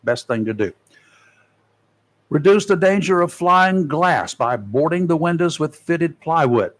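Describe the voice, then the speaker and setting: Reading safety tips on a local radio talk show, this studio host throws in folksy, joking asides. He talks casually in a fairly high, animated voice that runs a little slow.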